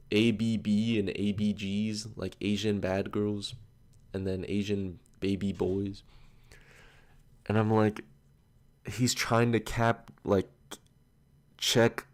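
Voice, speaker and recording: On his study livestream, a twentysomething man rambles casually from one story to the next, leaning heavily on "like." His pitch is fairly low and his tone darkish.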